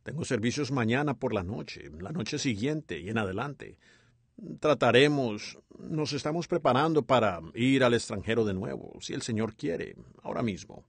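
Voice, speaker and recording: A man reads a sermon dub with a lively, expressive delivery. His pitch moves a lot, and the voice is a bit breathy. The sound is dry and close. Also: normal speed, no echo. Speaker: sermon interpreter. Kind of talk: dubbed voice-over of a sermon.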